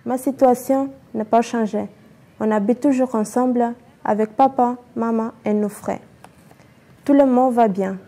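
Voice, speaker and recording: A teenage girl from North Macedonia reads a letter aloud in a studio. She reads carefully and steadily. Her voice sits a little high, with a warm, mellow tone. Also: steady tone, measured pace. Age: teens. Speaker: student reading a letter. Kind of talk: reading aloud.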